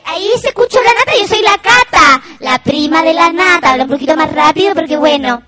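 Woman putting on a shrill, brash Chilean cousin. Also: expressive, a little fast, faint music behind, heavily acted. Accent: Chilean Spanish. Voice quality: shrill, loud, laughing, crude slang. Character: brash unfiltered young woman cousin, retail worker. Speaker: comedy stream host reading chat. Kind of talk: improvised comedy character.

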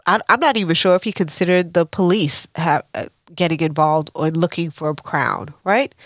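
Woman, podcast host, fairly low voice, dry close sound, blunt opinionated recap. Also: normal speed, a bit bright, dry recording. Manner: candid, opinionated, ranting with laughs.

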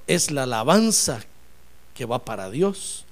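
A man's voice: mid-range voice, sing-song, slow pace. A man preaching a sermon with fervor, calling his listeners brother and acting out the voices he quotes.

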